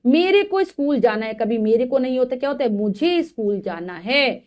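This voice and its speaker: Higher-pitched woman teaching Hindi grammar. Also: animated, moderate pace, darkish tone, dull audio. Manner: patient, correcting word by word. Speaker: school teacher. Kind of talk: classroom grammar lesson.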